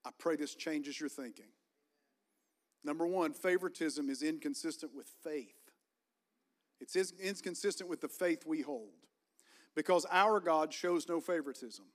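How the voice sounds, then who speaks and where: A man's voice: fairly high pitch, normal speed. A male pastor from Virginia with a Southern Virginian accent, preaching a sermon in a church and calling for amens from the congregation. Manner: preaching with call-and-response, rising fervor. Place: church sanctuary.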